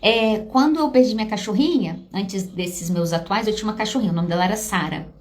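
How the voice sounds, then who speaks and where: A woman's voice: medium pitch, brisk, a little mellow. A woman from Brazil, a psychologist and host, talking to her audience in a personal, storytelling way, her voice catching with emotion at times.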